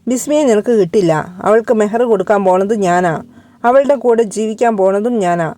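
A woman voicing a young man who speaks flatly and bluntly, without feeling. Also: mid-range voice, a little fast, dry recording, lightly acted. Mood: cold. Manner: flat, cold, blunt. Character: cold, unmoved young man.

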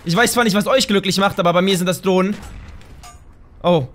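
High, bright, excitable gamer man. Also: brisk, soft background music. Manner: excitable, bursts into loud shouts and exclamations; chatty, talks straight to viewers. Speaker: gaming channel host. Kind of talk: let's play gameplay commentary.

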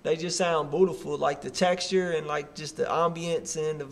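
A man in his thirties hosting a music review stream, reacting in casual, animated street slang. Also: on the high side, normal speed, vocal fry. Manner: hyped, animated, full of slang like bruh. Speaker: host of a music review livestream.

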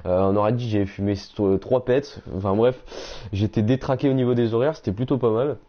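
A young man chatting casually on a game live stream, reading out viewers' messages and answering them in slangy, relaxed talk. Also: medium pitch, a little fast. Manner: slangy, reads chat aloud and answers viewers. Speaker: gaming streamer. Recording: dull lo-fi stream audio.

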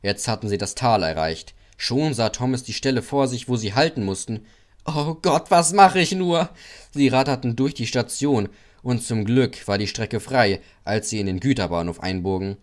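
A man narrating a children's audiobook with a lively, expressive reading. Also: fairly low pitch, normal speed, hardly any pauses.

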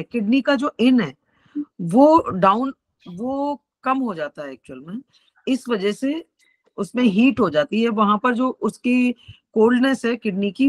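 A woman student presenting a lesson in class, explaining steadily and slowing down over technical terms. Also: medium pitch, dry recording.

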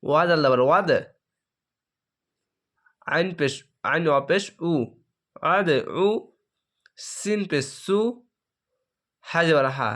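A man teaching Quran reading, spelling each syllable aloud and then joining them, with drawn-out chanting of verses. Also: a little high, a bit bright. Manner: drawn-out melodic recitation of verses. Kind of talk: slow letter-by-letter Quran spelling lesson.

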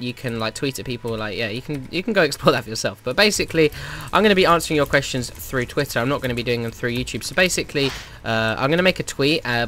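A man talks quickly through casual gameplay commentary, rambling and correcting himself as he goes. His voice is mid-pitched and sounds stuffy from a slight cold. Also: pushed and bright. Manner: rambling, chatty, self-correcting. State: has a slight cold, sniffly morning voice. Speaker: gaming YouTuber.

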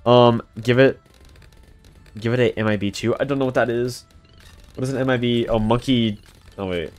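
A man's voice: mid-range voice, steady tone, moderate pace, a little mellow, smooth, soft background music. A young man streaming a co-op tower defense game live, chatting loosely with his chat and friends, full of "like" and restarts. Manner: rambling, filler-heavy, talking to chat. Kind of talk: casual live gameplay commentary.

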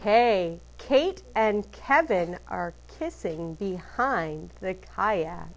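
A woman teacher reads a picture book aloud to children, deliberately stressing certain letters and phrases. Her medium-pitched voice is expressive.

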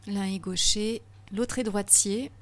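A woman co-commentating live bowling, briskly calling each shot as it happens. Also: mid-range voice, steady tone, a bit bright, a little hiss or hum. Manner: brisk, calls the shots as they happen.

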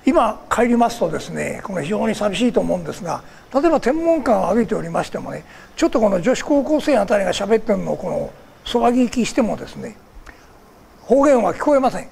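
A man's voice: sits high, very animated, fast talker, gravelly, darkish tone, a little hiss or hum. An older man from Kagoshima giving a formal public lecture, polite and digressive, with many fillers between phrases. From Kagoshima, Japan.

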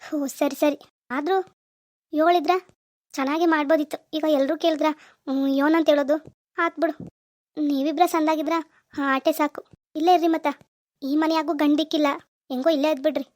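A woman's voice: high voice, steady tone, moderate pace, pauses often, no echo, studio quality, lightly acted. A woman voicing a scolding older village mother in a cartoon, with a reproachful manner. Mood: resigned.

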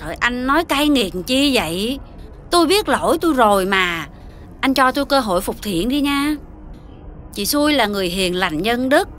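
A woman's voice: on the high side, animated, normal speed, fairly bright tone. An actress playing a scheming middle-aged mother-in-law in a TV drama, pleading and wailing melodramatically. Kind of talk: TV drama acting.

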